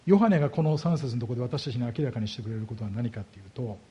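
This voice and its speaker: Here a male pastor preaches, working through scripture and asking the congregation rhetorical questions. He speaks at a medium pitch, animated and a bit breathy, dragging out the important words; the recording sounds muffled.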